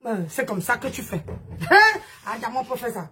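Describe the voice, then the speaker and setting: Female streamer, high voice, strained throat, loud mocking gossip rant. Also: big pitch swings, moderate pace, a little hiss or hum. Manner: mocking, scolding, exclaiming. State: nursing a strained voice. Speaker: live streamer.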